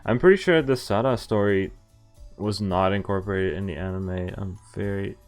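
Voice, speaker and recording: Over game music, a man streams a let's play of a visual novel, reading its text aloud and slipping in casual, offhand reactions and asides of his own. His voice sits low and a little mellow, at a normal speed.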